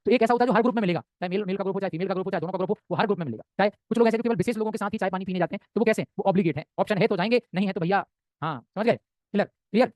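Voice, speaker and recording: Indian male tutor, high and very fast, dry close sound, quizzes the class nonstop. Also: darkish tone, no echo. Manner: rapid, keeps asking "samjhe?" and answering himself. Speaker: teacher. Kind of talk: exam-prep lecture.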